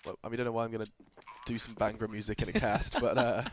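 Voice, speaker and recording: A man casting an esports match, joking around at the desk and calling the action quickly. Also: fairly low pitch. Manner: quick, joking, animated calls. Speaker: esports caster. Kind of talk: casual desk chat and play-by-play.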